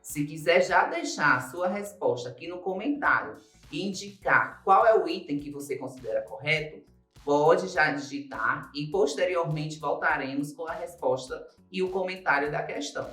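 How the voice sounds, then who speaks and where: A man with a Brazilian Portuguese accent, a Portuguese teacher giving a recorded grammar lesson. He explains slowly and step by step, repeats key points and stretches out the words he stresses. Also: fairly high pitch, lively intonation, fairly bright tone. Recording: roomy echo with faint music behind.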